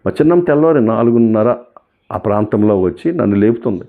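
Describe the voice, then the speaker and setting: Guy telling his faith story, emotional, low voice, sounds like a phone line. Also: animated, quick pace. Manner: emotional storytelling, acting out quoted voices with rising pitch. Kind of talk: personal testimony.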